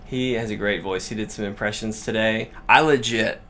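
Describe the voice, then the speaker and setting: A man chatting casually while playing a video game, rambling and excitable, with frequent restarts. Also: fairly low pitch, normal speed. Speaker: let's play co-host. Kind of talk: casual gameplay chat.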